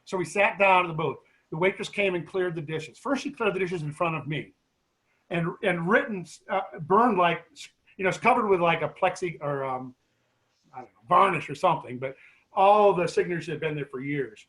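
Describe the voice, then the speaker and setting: A middle-aged man with a fairly high-pitched voice speaks as a guest at a grief support meeting. He tells his story to the group casually and with animation, often stopping and restarting his sentences. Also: rough recording. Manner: animated, halting, many restarts.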